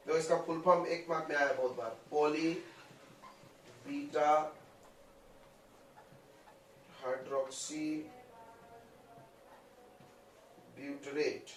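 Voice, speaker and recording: A man lectures on chemistry to a class, prodding students with quick questions and repeating key terms. His voice sits a little high and sounds roomy, picked up from some distance away from the mic. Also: a little hiss or hum. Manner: coaxing, drills students with questions. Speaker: chemistry teacher.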